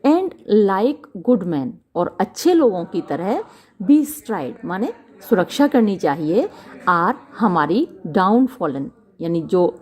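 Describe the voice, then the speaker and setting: A woman teacher explaining a play line by line, reading each English phrase slowly and then glossing the words one by one. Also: fairly low pitch, sing-song, slightly rough. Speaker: literature teacher.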